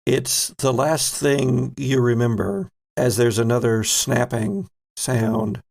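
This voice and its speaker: Running a horror tabletop game, a male game master delivers dramatic narration in short, deliberate, pause-filled phrases. He has a gravelly mid-range voice with a darkish tone.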